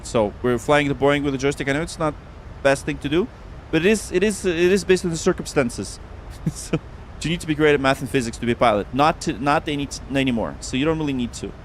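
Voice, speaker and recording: A man's voice: mid-range voice, expressive, quick pace, slight background noise. A man hosting a casual flight simulator livestream, talking informally and often repeating his words. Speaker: livestream host.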